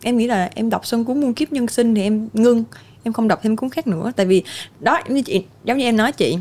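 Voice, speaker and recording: A woman's voice: a little high, fairly quick, a little mellow. Chatty young woman. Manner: candid, chatty, laughs easily. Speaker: podcast guest. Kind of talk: casual interview chat.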